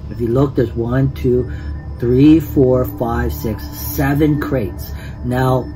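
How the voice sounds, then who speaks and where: A man giving casual live commentary on his own gameplay as a YouTuber, excitable, swinging between hushed muttering and yelling, and saying "guys" constantly. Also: medium pitch, takes it slowly. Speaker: gaming YouTuber. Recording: game music behind the voice.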